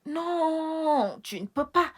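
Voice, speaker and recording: Scheming wife, female, husky, flustered and hushing; for a film. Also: mid-range voice, lively intonation, normal speed. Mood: hushed urgent. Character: boastful scheming wife covering a lie. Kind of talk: French film dub.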